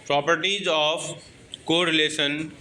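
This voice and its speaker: A man's voice: on the high side, steady tone, drawn-out words, noisy background. A male Indian teacher dictating class notes, spelling words letter by letter and mixing English with Hindi while telling students to sit up and underline. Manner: switches between English and Hindi, scolding students to sit properly.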